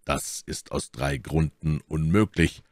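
A man reading aloud voices a calm, cool-headed musketeer who speaks quietly and indifferently. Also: a bass voice, slow pace, no room sound, studio quality.

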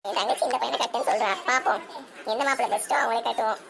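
Animated woman voicing a cartoon, hiss behind. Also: on the high side, rapid-fire, creaky. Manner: animated, dramatic exclamations. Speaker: cartoon channel voice actor. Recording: steady background hiss.

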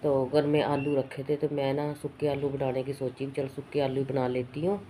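A middle-aged woman with a hoarse throat from a cough, chatting casually and rambling through her day at home in a vlog. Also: extremely low pitch, little pitch movement, moderate pace, warm tone, a little hiss or hum. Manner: rambling, matter-of-fact. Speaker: vlogger.

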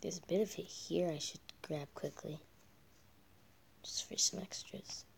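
A man's voice: a little high, fairly even intonation, unhurried, gravelly. A male gameplay vlogger chatting casually while he builds, often muttering and half-whispering as he counts blocks under his breath, with rambling asides.

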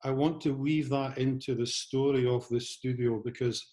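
A Scottish man in his fifties, an artist giving a casual talk over a video call from a large studio, speaking haltingly with many restarts. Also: medium pitch, fairly even intonation, dark tone, poor audio. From Scotland. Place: large converted church studio, indoors. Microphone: laptop camera, video call.

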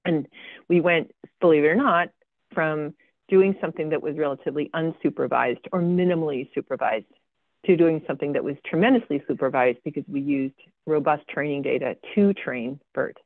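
A woman's voice: low voice, fairly quick, dry recording. A woman giving a slide presentation about her research. She talks with frequent ums and dry, sarcastic asides. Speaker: guest speaker presenting research. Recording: tinny phone-like video call audio, dry.

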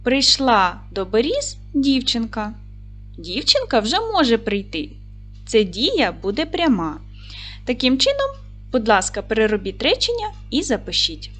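A woman teacher giving a video lesson for young pupils, with clear, patient instructions and pauses for tasks. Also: on the high side, huge pitch swings, a bit bright, soft background music. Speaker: primary school teacher.

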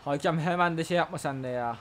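A young man giving casual Let's Play commentary, excitable and trash-talking at the game. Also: on the high side, fast, a little hiss or hum. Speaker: gaming YouTuber.

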